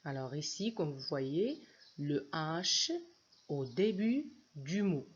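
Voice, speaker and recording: A woman teaching young children to read in a phonics lesson, spelling each word out letter by letter in a slow, deliberate way. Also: sits low, lively intonation, lo-fi sound, slight background noise. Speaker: reading teacher.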